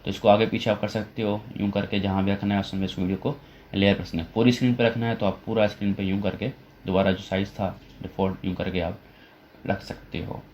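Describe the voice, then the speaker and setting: A man talking through a software tutorial step by step, with frequent fillers and restarts as he goes. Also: fairly low pitch, fairly even intonation, highs cut off, slight background noise. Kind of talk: screen-recorded software tutorial.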